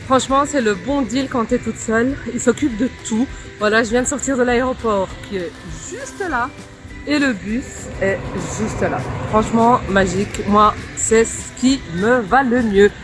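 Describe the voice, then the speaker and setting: A woman's voice: a little high, moderate pace, music in the background. A young woman talking to her phone camera in a casual travel vlog, chatty and upbeat, recorded outdoors. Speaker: travel vlogger. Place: outdoors on a trip, at the airport, the hotel and on an excursion.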